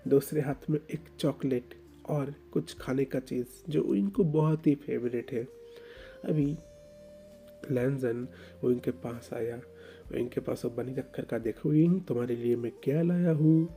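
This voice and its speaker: A male storyteller reading a fan fiction story in a plain, steady manner. His voice is very dark and mellow, with soft music playing under the narration. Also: medium pitch, takes it slowly.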